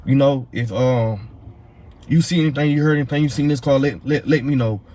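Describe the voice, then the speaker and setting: A man's voice: medium pitch, mellow. A man retells, in a casual and heated way, how he searched for his missing daughter's mother, repeating himself often. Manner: fast, heated retelling full of fillers and repeats. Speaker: father of a missing woman's child. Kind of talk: casual storytelling.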